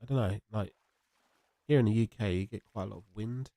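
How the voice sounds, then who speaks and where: A young man from England, a gaming streamer, rambles and answers viewers in casual chat as he plays. His sniffly, congested voice is on the low side, fairly quick and mellow, and the recording is dry.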